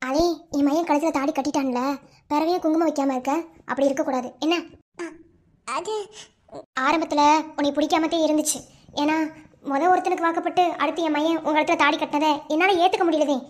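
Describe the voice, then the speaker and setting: A gentle, soft-spoken mother-in-law in a cartoon, as a woman puts her on. She talks with a Madurai accent in a lower, earnest, reassuring tone. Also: fairly even intonation, a little fast, pauses often, close to an everyday voice. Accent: Madurai Tamil. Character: calm middle-aged mother-in-law, gentle and accepting.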